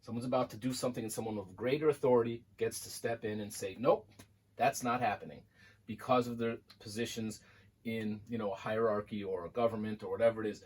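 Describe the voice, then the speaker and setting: A college math instructor giving a lecture, working through examples on a board in a conversational, explanatory way. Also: male voice, fairly low pitch, steady tone, fast talker, a little mellow, breathy edge, poor audio.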